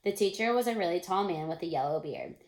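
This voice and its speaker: Brief: woman teacher reading aloud, relaxed, slightly low-pitched. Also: quick pace, roomy sound. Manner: casual asides and self-corrections.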